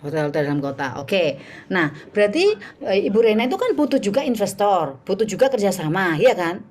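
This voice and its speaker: A woman's voice: mid-range voice, brisk. A woman teaching public speaking in an online workshop over a video call, acting out little sales dialogues as she goes. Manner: animated, acts out sales dialogues.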